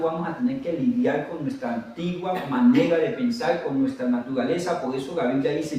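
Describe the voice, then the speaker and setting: Animated preacher in an echoing hall. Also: male voice, a little high, a little hiss or hum. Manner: animated preaching with humorous asides to the congregation. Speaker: pastor. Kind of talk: sermon. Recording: echoey hall, mic at a distance.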